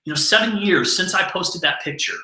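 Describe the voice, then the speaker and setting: A man's voice: high voice, animated, brisk, bright, forceful tone. A man mentoring his team by telling an earnest motivational story. He repeats words when stressing a point. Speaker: mentor giving a training. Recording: echoey room.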